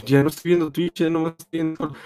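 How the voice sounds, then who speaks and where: A man's voice: fairly high pitch, little pitch movement, fast, music in the background. A young adult Mexican man in casual livestream chat, speaking with slang and some swearing.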